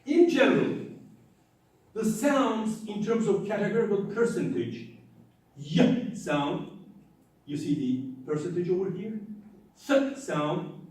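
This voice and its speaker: A man's voice: high voice, a little mellow. Man lecturing in an echoey hall. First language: Turkish. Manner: emphatic, repeats words, sounds out examples. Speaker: conference presenter. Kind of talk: academic conference lecture. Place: conference hall. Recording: echoey hall, distant mic.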